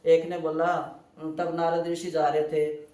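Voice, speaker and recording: A man giving an animated devotional talk at a festival gathering, telling stories and acting out the voices in them. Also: on the high side, takes it slowly, echoey room, far from the mic. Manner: animated storytelling with quoted voices. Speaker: devotional speaker.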